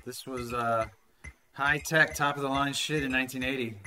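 A retro gaming channel host in his thirties rambles over a retro handheld game on a home desk mic, with occasional swearing and soft background music. His mid-range voice keeps a fairly even intonation and moderate pace, sounding pushed and bright.

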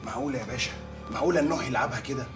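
A man with an Egyptian accent playing a harsh, quick-tempered police officer who taunts and threatens an informant. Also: mid-range voice, roomy sound, close to an everyday voice. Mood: taunting. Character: harsh mocking young male cop, quick-tempered. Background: music score.

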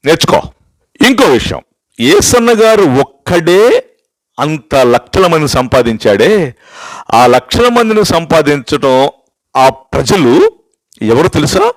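Speaking slowly with frequent pauses and huge swings in pitch, an older pastor with a slightly high voice gives a forceful testimony in the manner of a sermon. He tells stories, keeps asking rhetorical questions and drops into English phrases for emphasis. The audio is poor and has no room sound.

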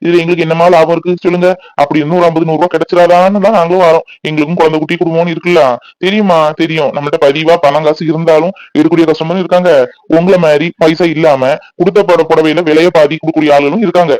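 A man's voice: a little high, level tone, quick pace, darkish tone, no room sound, lightly acted, poor audio. Man voicing a pleading, complaining cartoon vendor. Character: poor male sari vendor, pleading and complaining. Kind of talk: cartoon voice acting.

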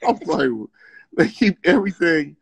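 Animated gravelly-voiced man telling stories. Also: slow pace. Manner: animated storytelling, acting out quotes in high voices. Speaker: podcast guest. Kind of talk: casual chat.

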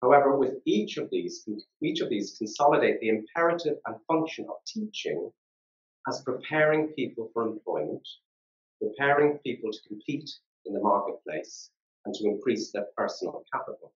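A man delivers a formal academic keynote in a measured, steady voice at middle pitch. The sound is roomy, with the echo of a conference hall, and slightly dull like a live-stream recording. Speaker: keynote speaker.

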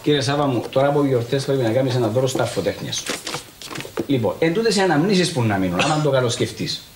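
A man's voice: mid-range voice, animated, noisy background, natural voice. A man doing a coaxing Cypriot go-between. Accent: Cypriot Greek. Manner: polite, coaxing, formal address. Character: smooth-talking adult man, persuasive go-between. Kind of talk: TV sitcom acting. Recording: roomy echo.

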